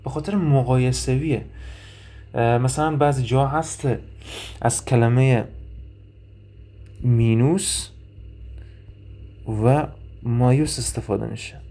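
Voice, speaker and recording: A man gives a recorded anatomy lecture in a mellow, mid-pitched voice. He moves through each term step by step, putting questions to his listeners and then answering them himself. He thinks aloud as he goes, with frequent pauses. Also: steady tone. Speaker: anatomy instructor. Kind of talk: recorded lecture with drawing and reading.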